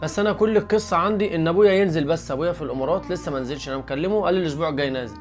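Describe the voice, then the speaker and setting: A brash young Egyptian man who is ashamed of his poor father, played by a man. He talks defensively and in a high voice, and rattles his words off fast. Faint music sits under him. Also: lightly acted. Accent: Egyptian Arabic. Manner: defensive, exasperated, lying.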